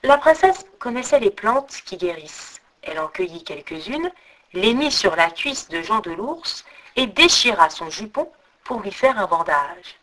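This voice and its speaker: A woman narrating a folk tale as a storyteller, reading a script in an expressive way. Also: medium pitch, unhurried, rough recording.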